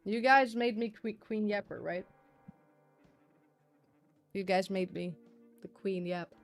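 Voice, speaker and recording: Speaking slowly in a mid-range voice, a woman streams live with music in the background. She wanders from point to point, repeats herself and swears in an easygoing way.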